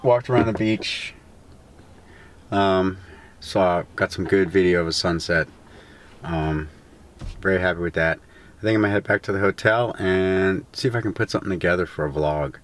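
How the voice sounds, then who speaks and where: Low-voiced man vlogging, rambling and relaxed. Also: moderate pace, long pauses. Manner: rambling, relaxed, many ums. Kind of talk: casual self-filmed vlog. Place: hotel room and parked car. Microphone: handheld action camera at arm's length.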